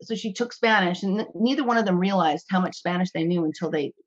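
A woman podcast guest telling animated, rambling anecdotes in casual conversation. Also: lowish voice, quick pace, husky, highs cut off.

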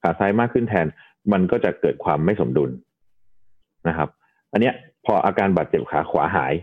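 A man with a very deep voice speaks as a doctor guest on a podcast. He explains injuries patiently, one step at a time, with polite softeners. His voice comes through a thin, phone-like line. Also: lively intonation, a little fast.

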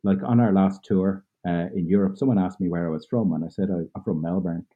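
Speaking a little fast in a steady, low tone with a breathy edge, an Irish man in his thirties answers podcast interview questions reflectively. He comes across as earnest and thoughtful, though his phrasing is loose and riddled with fillers. The audio is tinny and phone-like.

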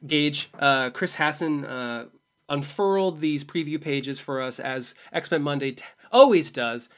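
Male co-host, slightly higher voice, chatty and quick to laugh, casual podcast talk. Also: a bit bright. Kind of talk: casual chat.

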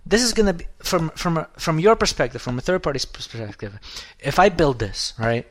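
Man, 30s, podcast co-host, loose chatty delivery, sentences start over a lot, voice going hoarse. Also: on the high side, very animated, a little fast, fairly bright tone. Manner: rambling, restarts often, swears casually. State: losing his voice. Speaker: podcast co-host, app developer. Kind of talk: casual podcast chat.

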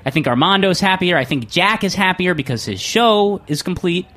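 A man hosting a live radio show from a studio, chatting casually and rambling with an excitable manner, often restarting his sentences. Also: high-pitched, normal speed. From not from New York.

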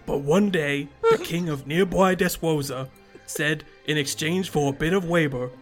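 A man's voice: fairly high pitch, moderate pace, over music, natural voice. A man reading out a sorrowful old fairy-folk king's tragic history, put on in a babyish voice for a comic podcast reading. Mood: solemn storytelling. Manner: baby voice telling a tragic history. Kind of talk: comic read-aloud on a podcast.

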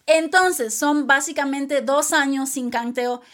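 A woman, co-hosting a casual chat that reviews a TV drama, chatty and expressive. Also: high voice, a little hiss or hum. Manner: chatty, expressive, quick asides to listeners. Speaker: podcast co-host.

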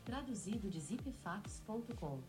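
A woman's voice: mid-range voice, measured pace, faint music behind. A synthetic woman's voice of a voice assistant reading an answer aloud. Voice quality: even synthetic delivery.

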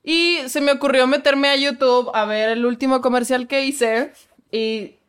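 A woman with an upper-class Mexican fresa accent co-hosts a casual comedy podcast and also works as a voice-over artist. Her high, clear, resonant voice runs a little slow as she tells animated stories, laughing and mimicking other people.

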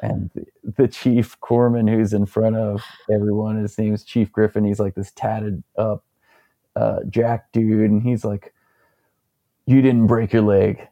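A young man casually recounting a story as an interview guest, relaxed and rambling with plenty of fillers. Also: lowish voice, measured pace, gravelly, no room sound.

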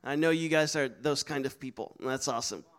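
A young Dutch man speaks briskly at a medium pitch, delivering an upbeat, encouraging talk at a missions school. He calls out to the live audience as he goes.

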